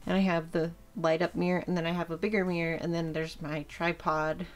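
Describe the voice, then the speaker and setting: A woman's voice: lowish voice, level tone, fairly quick. A young woman casually chatting as she walks through her small home filming room, a little out of breath and rambling. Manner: chatty, rambling, self-deprecating. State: slightly out of breath. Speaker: beauty vlogger. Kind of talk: casual tour narration.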